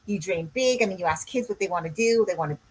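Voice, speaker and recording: A woman's voice: on the low side, quick pace, slightly rough, low-quality recording. A woman, a coach co-hosting a podcast in casual chat, rambling and drifting off on tangents. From Canada. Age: 60s.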